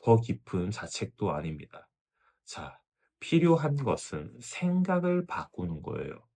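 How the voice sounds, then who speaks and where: A man gives a parenting lecture in a low voice that rises and falls with lively expression. He keeps turning to viewers with "자, 여러분" and acts out a mother's inner thoughts as short quotes. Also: unhurried, gravelly, breathy edge. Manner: addresses viewers directly, often starting with "자, 여러분". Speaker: parenting educator.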